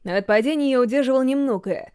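A woman narrating a horror story in measured scripted storytelling. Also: high voice, a little mellow, clean tone. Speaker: audiobook narrator.

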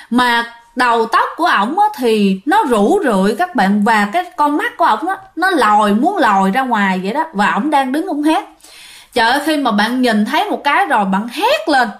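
With a high voice, a woman casually narrates a ghost story, chatting away and addressing her listeners directly.

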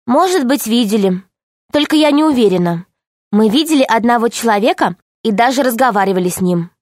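Cast: calm steady young girl, read by a woman, high bright voice. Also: a little fast, no echo, clean studio sound, lightly acted.

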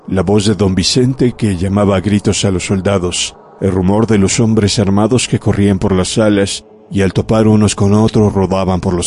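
A man narrating a horror audiobook in a measured, dramatic way. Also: on the low side, darkish tone, a little hiss or hum. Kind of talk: scripted narration of a horror story.

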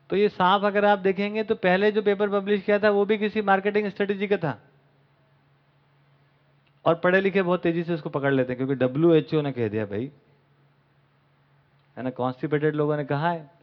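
Male camp lecturer, raised voice, mixes in English words, rhetorical questions; muffled lo-fi audio. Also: high-pitched. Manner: asks the audience rhetorical questions. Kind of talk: spoken lecture to a live audience. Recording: dull lo-fi recording.

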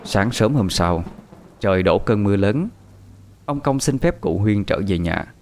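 A man narrating a story in a calm, measured scripted reading. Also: on the low side, a little hiss or hum.

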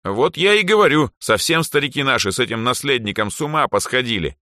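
A man's voice: mid-range voice, animated, fairly quick, dry recording, clean studio sound, pitched above the performer's own voice. A man doing a bubbly teenage drow girl. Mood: cheerful, teasing. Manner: bright, bouncy and teasing.

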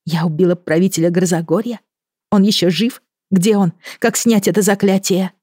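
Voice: mid-range voice, fairly even intonation, moderate pace, a little mellow, no room sound, clean studio sound, pitched above the performer's own voice, lightly acted. A reader voicing an anxious, fiery young sorceress girl in an audiobook, with urgent, pleading questions. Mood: agitated. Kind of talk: audiobook character voice.

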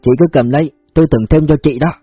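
A man's voice: a little high, very fast, slightly rough, dry recording, dull audio, soft background music. A man reading a story, voicing a crude, drunken secret police man who talks coarsely. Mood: slurring. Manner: slurred, coarse.

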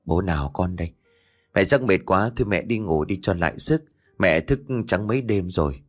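A man voicing a grown son who calmly reassures his mother, in an audiobook story. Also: lowish voice, brisk, faint music behind, close to an everyday voice. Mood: patient. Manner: calm, gently explaining. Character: adult son, patient and reassuring.

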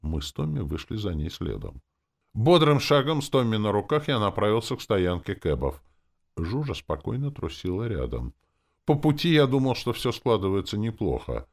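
A man narrating a first-person audiobook with wry, expressive delivery. His voice is very deep and gravelly, yet his pitch rises and falls in lively swings. The reading stays close and performed. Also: normal speed. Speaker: audiobook reader.

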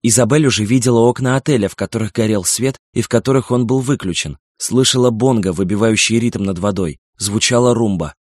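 A man reading a novel aloud as an audiobook narrator, in steady, measured storytelling. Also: on the low side, no echo, clean studio sound.

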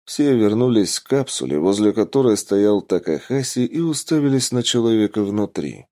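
A man narrating an audiobook with expressive storytelling. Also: fairly low pitch, normal speed.

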